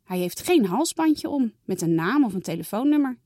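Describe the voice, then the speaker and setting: Woman reading a calm, firm mom. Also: a little high, moderate pace, no room sound, studio quality. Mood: motherly. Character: kind, firm mother of two girls.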